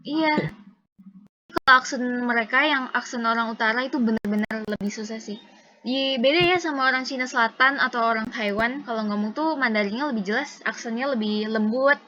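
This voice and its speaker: A woman teaching Mandarin pronunciation in a casual one-on-one lesson, patiently modelling syllables and tones slowly and clearly. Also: fairly high pitch, background noise. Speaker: Mandarin tutor. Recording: dull lo-fi sound.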